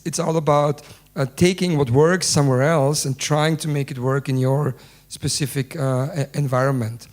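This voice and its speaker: A man speaking as a newsroom founder on a panel, answering hesitantly and reflectively. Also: medium pitch. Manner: hesitant, reflective, clears throat.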